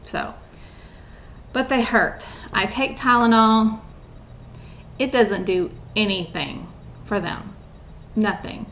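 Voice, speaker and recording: A woman's voice: medium pitch, takes it slowly, a bit bright, a little hiss or hum. A young woman chatting casually to camera at home, rambling with lots of ums and a bit out of breath. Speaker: vlogger.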